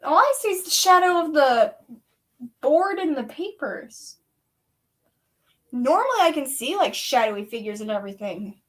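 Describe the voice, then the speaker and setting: A woman's voice: sits high, sing-song, normal speed, long pauses. A woman vlogging casually from a bedroom, rambling and chatty, slipping into baby talk with a toddler. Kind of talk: casual chat.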